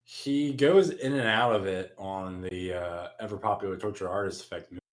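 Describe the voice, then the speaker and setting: A man's voice: sits low, normal speed. A young man co-hosting a podcast in casual chat, laid-back and agreeable, often hesitating with "um"s. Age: young adult. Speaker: podcast co-host.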